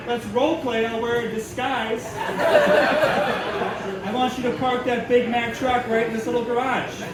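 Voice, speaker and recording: A male stand-up comedian acting out an elementary teacher at storytime, singsong, instructive and mock-innocent while being crude. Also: very high-pitched. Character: elementary teacher reading storytime, sugary yet crudely inappropriate. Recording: very echoey venue, distant mic, loud crowd, noise.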